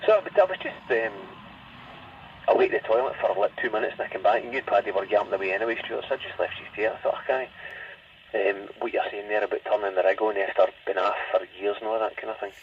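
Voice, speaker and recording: A CB radio operator with a Glasgow-area Scottish accent rambles through casual radio chat, talking fast in a fairly low voice. He's heard through a CB set's speaker in a car, so the sound is muffled, distant and noisy.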